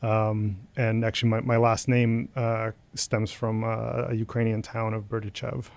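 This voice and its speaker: A man in his late thirties who grew up in Russia, a company founder answering interview questions thoughtfully, often pausing and restarting. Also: fairly low pitch, flat delivery, vocal fry. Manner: thoughtful, hesitant, many fillers and restarts. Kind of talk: casual interview.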